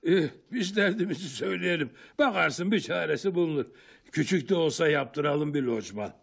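A man's voice: a little high, lively intonation, moderate pace, vocal fry. An actor playing a courteous, folksy village headman in a radio play, polite and a little hesitant. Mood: friendly, polite.

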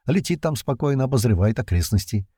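A man narrating an adventure audiobook in the first person, in a steady storytelling manner. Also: medium pitch, a little fast, slightly rough, no echo, studio quality.

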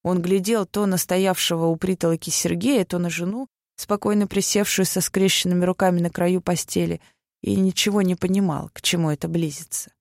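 A reader narrating a literary story in a measured, even audiobook style. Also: medium pitch, gravelly, no room sound, studio quality.

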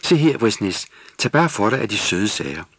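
A man's voice: on the low side, big pitch swings, a bit bright, slightly rough, no echo, heavily acted. A man voicing a cheeky, bossy, hot-tempered female Christmas elf in a storybook recording. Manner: commanding, quick to scold. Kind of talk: storybook character voice.

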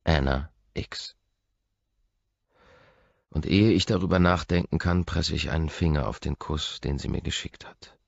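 A man narrates a first-person audiobook in a measured, introspective manner. His voice sits extremely low and carries a gravelly fry. The recording is dry and slightly dull. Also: no room sound.

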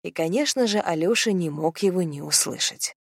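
A woman reading an audiobook in a measured, even narrating voice. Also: lowish voice, vocal fry, breathy edge, no room sound, clean studio sound. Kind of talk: scripted narration.

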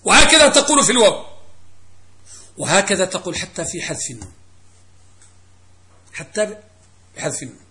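High, sharp-voiced male grammar teacher. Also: big pitch swings, normal speed, pauses often. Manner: quizzes students and repeats key phrases. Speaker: religious teacher. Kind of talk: classroom grammar lesson.

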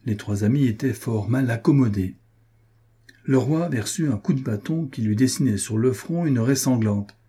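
A man reading a story aloud in steady, measured scripted narration. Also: mid-range voice, breathy edge.

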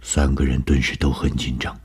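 Very deep, husky male storyteller. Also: flat delivery. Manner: slow, measured, dramatic reading. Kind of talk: radio storytelling.

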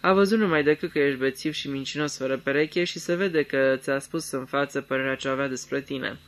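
A man's voice: medium pitch, fairly bright tone, close to an everyday voice. A man voicing a cold, scheming young lord in a radio theatre reading, icy and commanding, flaring into thundering anger.

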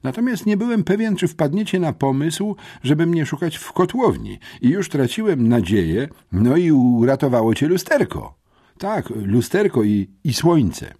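Casting: a man doing a jittery hungry schoolboy, stammering, husky tone. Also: a little high, sing-song, normal speed, mellow, full character voice. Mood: relieved. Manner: stammering, pleading.

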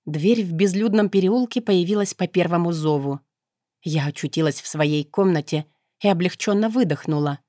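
A woman's voice: fairly low pitch, normal speed, mellow, no echo. A woman reading a first-person audiobook in a wry, conversational manner, close to the mic. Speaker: audiobook narrator.

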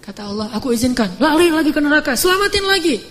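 A young man preaching casually at a live lecture, telling the story in relaxed everyday speech, acting out dialogue and growing soft and slow at moving points. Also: very high voice. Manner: conversational, slangy, acts out dialogue; slows and softens at emotional points. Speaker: Islamic preacher. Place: live lecture venue with audience. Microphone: audience phone recording.

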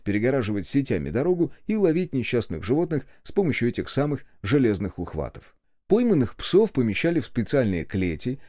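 A man reads an audiobook in the first person. His pitch moves a lot and the reading is expressive. The sound is dry and close, with no room around it. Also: dry recording. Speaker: narrator.

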